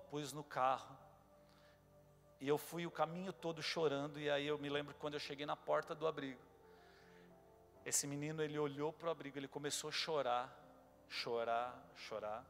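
A male pastor telling a personal story during a sermon, emotional and addressing the congregation directly. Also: fairly high pitch. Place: church hall. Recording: long church hall reverb, faint music.

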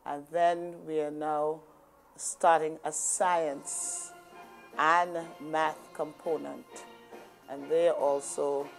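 Older woman, gravelly low voice. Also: little pitch movement, faint music behind. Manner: earnest, speaks quickly with bursts of passion. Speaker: founder and executive director of a youth program. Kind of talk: interview. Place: indoor room lined with bookshelves.

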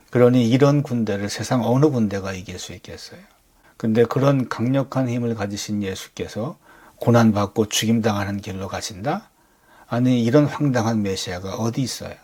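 A man's voice: on the low side, darkish tone, slightly rough. A man preaching a Sunday sermon as a pastor, talking conversationally and firing off rhetorical questions.

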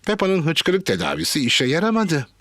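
A man's voice: on the high side, wildly swooping pitch, normal speed, background noise. A man narrating a scripted children's cartoon as a storyteller for small children, with music underneath. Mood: storytelling.

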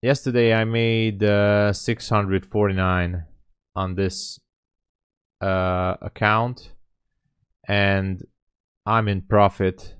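A man's voice: fairly low pitch, flat delivery, very slow, pauses often, clear, resonant tone, no room sound, clean studio sound. A man in his late thirties chatting casually on a live trading stream, rambling and thinking aloud as he answers chat from a small room. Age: 30s. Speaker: day trading livestreamer.

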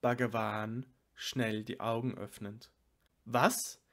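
A man reading an audiobook aloud in a calm, measured narration. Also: medium pitch. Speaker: audiobook reader. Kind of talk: scripted narration.

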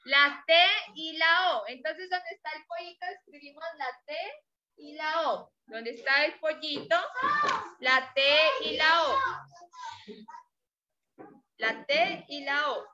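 A woman kindergarten teacher giving a remote phonics lesson, sounding out syllables deliberately and praising often. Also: sits high. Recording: dull lo-fi audio with steady noise.

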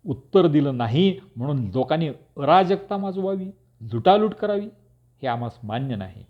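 Brief: man playing a haughty colonial-era district officer, curt and snappish, medium pitch, muffled audio. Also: lively intonation, moderate pace, close to an everyday voice. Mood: snapping. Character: irritable male district officer, haughty then cowed.

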